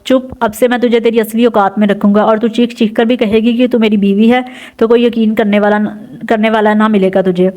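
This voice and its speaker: A woman's voice: fairly high pitch, fairly even intonation, warm tone, natural voice. Brief: arrogant cruel village landlord, scornful, voiced by a woman narrator. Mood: contemptuous. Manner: contemptuous, bullying.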